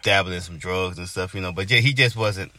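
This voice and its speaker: A man's voice: low-pitched, brisk, sharp tone. A man, co-hosting a casual podcast chat, rambling with lots of fillers. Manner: laid-back, rambling with many fillers. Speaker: podcast co-host.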